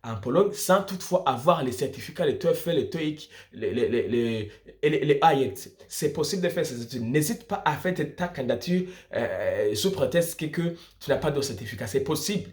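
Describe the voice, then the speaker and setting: A young Burundian man with a medium-pitched, darkish voice vlogs about studying abroad as a student. He talks to viewers informally and emphatically, repeating and rephrasing what he says.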